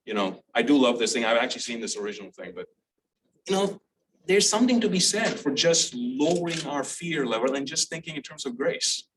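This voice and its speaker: A man's voice: medium pitch, lively intonation, brisk. A man moderating a panel discussion, talking reflectively with repeats and restarts. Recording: distant mic with faint noise.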